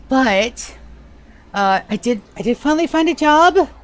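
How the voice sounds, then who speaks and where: An animated, unhurried voice that sits high belongs to a woman with a Southern US accent from Georgia and a slight lisp. She's streaming a game, chatting casually, and greets viewers by name during her live commentary.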